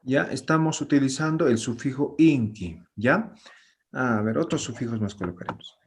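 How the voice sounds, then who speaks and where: A man's voice: medium pitch, normal speed. A man teaching a language class online, explaining patiently and often checking that his students follow.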